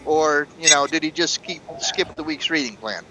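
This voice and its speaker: A man co-hosting a comedic news chat, landing wry deadpan punchlines between lots of fillers. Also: a little high, moderate pace, very noisy. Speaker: co-host.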